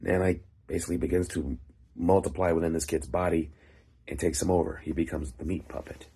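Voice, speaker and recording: A man with a gravelly, phlegmy voice telling a story casually in halting short phrases, like a writer hosting his own vlog. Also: deep voice, fairly even intonation, warm tone. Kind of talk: casual rambling storytelling monologue.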